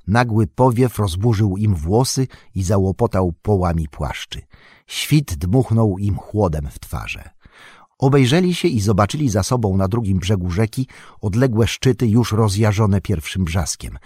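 A male audiobook narrator telling a fantasy story in an even, measured way. His voice is low and husky, recorded close to the mic in a dry room. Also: dry recording. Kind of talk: scripted narration of a fantasy novel.

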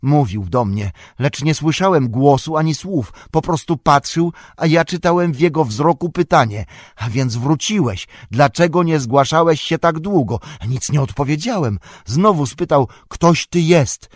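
A man's voice: fairly high pitch, expressive, a little slow, hardly any pauses, dry recording, studio quality, voice pushed up. A man voicing a small, frightened young male hobbit in a storybook reading, stammering and pleading. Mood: haunted.

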